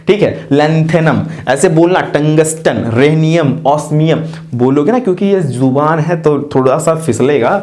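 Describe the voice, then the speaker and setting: A male teacher with a slightly raised voice leads a casual chemistry lesson at the board. He addresses the students directly and coaxes them with repetition. Often he slows right down to chant memory tricks syllable by syllable. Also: a little high, darkish tone. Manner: repetitive, coaxing, talks straight to students. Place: classroom with a writing board.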